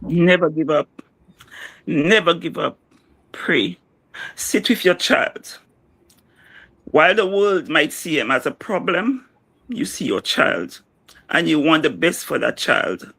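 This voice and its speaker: Middle-aged woman guest, bright, forceful tone, prayerful and insistent delivery. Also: low-pitched, lively intonation, slow pace, long pauses, slightly rough. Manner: emphatic, repetitive, prayerful. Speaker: guest mother. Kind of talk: emotional interview testimony.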